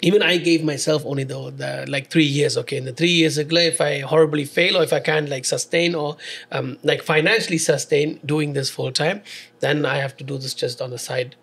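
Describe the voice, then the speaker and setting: Host, rapid and husky, casual interview chat. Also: male voice, on the high side, steady tone, a bit bright. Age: 40s. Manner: fast-talking, switches into Tamil mid-sentence. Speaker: podcast host.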